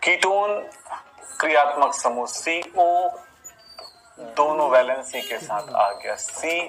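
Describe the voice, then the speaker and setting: A man's voice: on the high side, slow pace, a bit bright, faint music behind, low-quality recording. A man teaching a chemistry lesson, explaining step by step, counting carbons aloud and asking his students rhetorical questions. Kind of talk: classroom lecture on chemistry naming.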